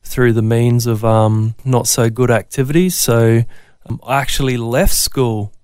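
A man's voice: medium pitch, fairly even intonation, measured pace, darkish tone, clean tone, no room sound, clean studio sound. A man from Brisbane with a Queensland Australian accent, telling his story casually and a little hesitantly as an interview guest. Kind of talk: casual personal testimony in interview.

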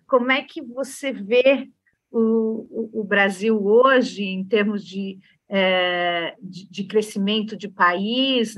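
A woman's voice: mid-range voice, fairly bright tone. A woman with a Brazilian accent interviewing in an informal, conversational way, often adding short tag questions.

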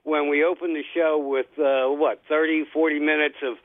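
An older man calling in to a radio show over a landline phone, speaking haltingly with many "uh" fillers and a wry, tongue-in-cheek tone. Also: on the high side, flat delivery, dry recording. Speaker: caller. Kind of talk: call-in chat on a sports radio show. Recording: narrow tinny landline phone line.

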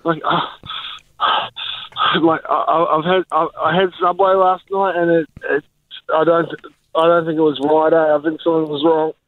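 Fake-sick caller on a tinny phone. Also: male voice, on the high side, little pitch movement, moderate pace, no echo. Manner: fake-sick groaning, coughing. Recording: phone line.

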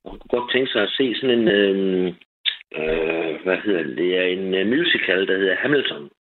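A man's voice: low voice, expressive. A man calling in to a radio show, rambling and joking and laughing at his own ideas. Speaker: caller. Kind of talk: casual radio chat. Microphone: phone. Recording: tinny phone line.

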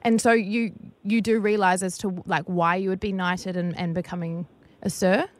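A woman's voice: mid-range voice, fairly even intonation, moderate pace, no room sound, close to an everyday voice. A New Zealand woman playing a polite, earnest government official on a prank radio phone call. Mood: politely businesslike. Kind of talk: semi-formal phone interview.

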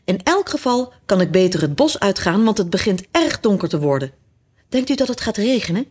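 A woman's voice: sits low, sing-song, a little slow, full character voice. A woman voicing an earnest, caring young girl who is easily indignant.

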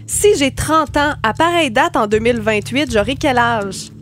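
A woman with a Québécois accent co-hosting a morning radio show, chatting and reading quiz questions briskly. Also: on the high side, animated, a bit bright, soft background music. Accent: Québécois French.

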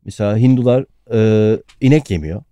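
A man co-hosting a podcast, telling playful bits in an animated, casual way. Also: on the low side, normal speed, no echo. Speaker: podcast co-host. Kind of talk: casual comedic chat.

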